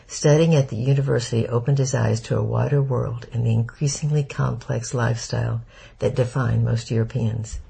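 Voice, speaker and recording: A man narrates a story in a low, gravelly voice with a heavy husky grain. His tone is dark and mellow, and his reading stays steady and measured. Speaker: audiobook narrator. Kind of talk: scripted first-person narration.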